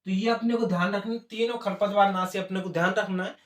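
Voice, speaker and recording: A man teaching an agriculture exam class, dictating notes and repeating key terms slowly. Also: sits high, fairly even intonation, echoey room.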